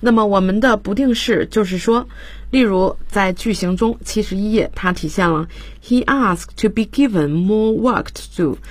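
A woman's voice: mid-range voice, normal speed, dry recording. A woman English teacher on a radio program, explaining grammar in Chinese and reading English example lines. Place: radio studio.

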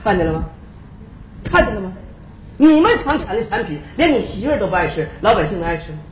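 A man's voice: high voice, sing-song, noisy background. A man playing a cocky, teasing rich farmer businessman in a stage comedy sketch. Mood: bragging. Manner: teasing, quick banter. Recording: echoey stage, slightly dull sound.

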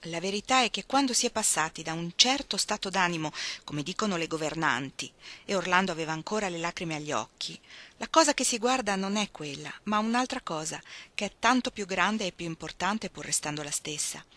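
Brief: female reader for literary narration, measured and expressive, bright voice. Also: lowish voice. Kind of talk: scripted narration of a novel.

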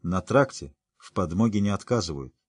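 Man doing a raised, husky, rough-talking old dwarf, jovial, dry storybook reading. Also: sits low, animated, moderate pace, dry recording. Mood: gruff jovial. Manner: folksy rough speech, teasing. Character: gruff boisterous male dwarf, older, laughs often.

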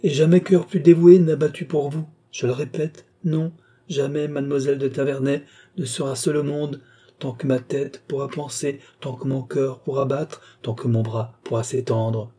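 A man's voice: mid-range voice, fairly even intonation, normal speed, warm tone, slightly rough, pitched above the performer's own voice, close to an everyday voice. A man voicing an earnest, devoted young man of humble birth who pleads humbly.

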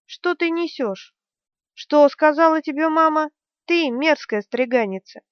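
A woman's voice: sits high, expressive, unhurried, dry recording, voice pushed up. A woman voicing a furious, brutal male general who barks and rages, in an audiobook reading. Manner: raging, barking commands. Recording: dry, dull lo-fi recording.

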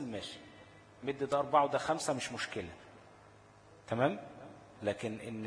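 A man with an Egyptian Arabic accent teaching a tajweed lesson. He keeps asking rhetorical questions, answers them himself, and slows down to chant short recited examples. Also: medium pitch, long reverb tail, poor audio.

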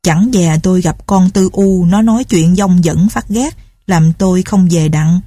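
A woman's voice: lowish voice, unhurried, mellow, slightly rough, no echo, clean studio sound. Woman playing a fussing, scolding housemate. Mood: chatty. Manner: scolding, talkative.

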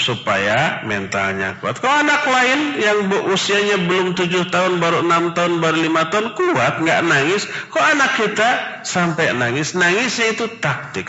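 A man teaching a Ramadan study lecture in Indonesian with a Sundanese accent, lively and expressive, sometimes mimicking children. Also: normal speed. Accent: Sundanese-tinged Indonesian. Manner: animated, acts out children's voices with high pitch jumps. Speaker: Islamic religious teacher. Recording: echoey hall, muffled audio.

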